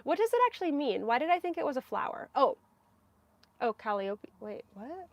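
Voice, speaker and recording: A woman's voice: sits high, big pitch swings, fairly quick, dry recording, highs cut off. A woman hosting her knitting podcast live, chatting casually with frequent little laughs and fillers. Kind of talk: casual live-stream chat.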